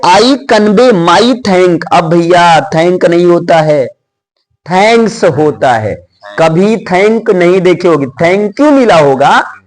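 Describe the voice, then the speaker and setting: Man, grammar teacher, high-pitched, slow unhurried delivery, reads example sentences word by word, casual classroom chat. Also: darkish tone. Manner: explains by asking and answering his own questions; mixes Hindi with English terms.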